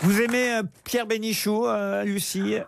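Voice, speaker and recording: A man hosting a lively radio panel show and quiz, bantering quickly and laughing often. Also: high-pitched, vocal fry, a faint crowd.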